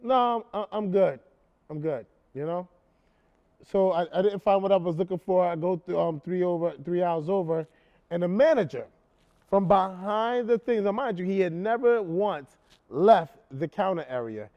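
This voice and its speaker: An actor performing a stage monologue, playing a man who retells a tense encounter in an animated, emphatic way and then turns into a brash, sarcastic talk show host. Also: sits high, normal speed, highs cut off. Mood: indignant storytelling. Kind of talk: theatrical monologue, stand-up-like storytelling.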